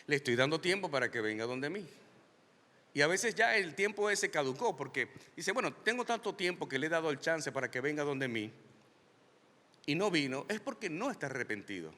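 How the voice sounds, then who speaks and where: A man preaching with a high, lively voice that swings widely in pitch. His tone is bright and forceful. He stretches out key phrases, and his voice carries a long hall reverb. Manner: emphatic preaching, slows and rises on key lines. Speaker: pastor. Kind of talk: sermon.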